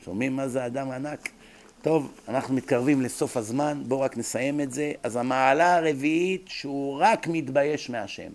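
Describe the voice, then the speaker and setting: A man giving a religious ethics lecture. He tells stories vividly and acts out the voices of the people in them. He moves between loud emphasis and quiet asides. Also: mid-range voice. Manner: animated storytelling, acting out quoted voices. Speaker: Torah lecturer.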